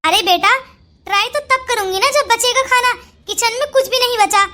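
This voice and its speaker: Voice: extremely high pitch, moderate pace, pushed and bright. A performer voicing a sly, bossy older mother-in-law in a Hindi cartoon story, scolding and plotting. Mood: dismissive.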